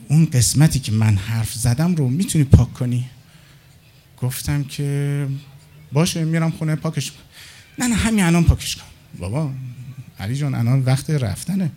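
Man, middle-aged, slightly high voice, casual storytelling, animated, acts out dialogue. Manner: animated, acts out dialogue with others in his anecdotes.

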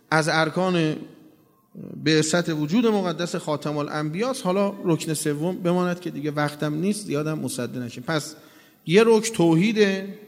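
A man with a notably high voice preaches to a gathered audience, earnest and direct with his listeners. His sermon rings out with a long reverb tail from a large hall. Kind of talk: religious sermon with storytelling.

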